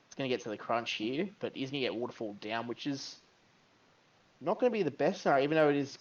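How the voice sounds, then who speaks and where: A man's voice: mid-range voice, highs cut off. A man commentating a live game match, giving analytical play-by-play. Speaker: esports caster.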